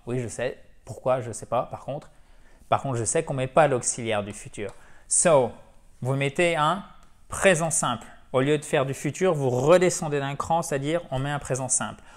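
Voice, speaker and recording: A man who speaks natively, teaching English in a lively, chatty way and drilling words over and over. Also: mid-range voice, moderate pace. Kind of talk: French-language English lesson.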